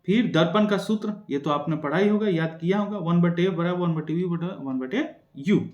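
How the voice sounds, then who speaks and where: Brisk young male tutor, echoey room. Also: sits high, darkish tone, lo-fi sound. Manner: explains quickly, asking and answering his own questions. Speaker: teacher. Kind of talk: exam-prep science lesson.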